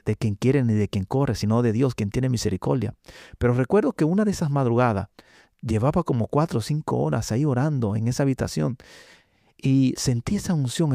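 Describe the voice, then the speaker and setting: A man's voice: mid-range voice, vocal fry, mellow, no echo, clean studio sound. A man giving an earnest personal testimony as a podcast guest, often hesitating with short filler sounds. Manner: earnest storytelling with frequent hesitations. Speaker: guest preacher. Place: podcast studio.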